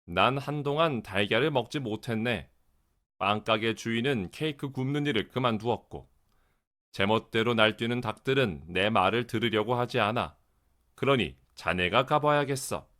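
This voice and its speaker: A man reading as weary storybook Napoleon, clearly enunciated. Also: mid-range voice, normal speed, a bit bright, lightly acted. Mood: resigned. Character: weary, regretful male emperor in a storybook.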